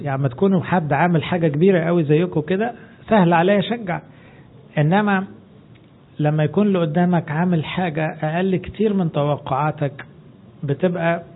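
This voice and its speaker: A man with an Egyptian Arabic accent preaching a sermon, teaching as he goes and dropping English phrases into his Arabic. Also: on the high side. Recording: tinny phone-like sound.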